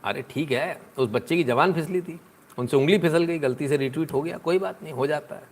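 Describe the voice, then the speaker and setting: A man on a live stream who talks through the news with plenty of sarcasm. He chats loosely and answers his viewers' comments along the way. His speaking voice sits somewhat high for a man. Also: a little fast.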